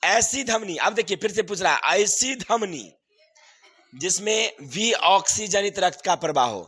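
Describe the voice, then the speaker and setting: A man's voice: sits high, expressive, measured pace, a bit bright, husky. A man, teaching a class and going over exam answers, repeating questions and laughing often.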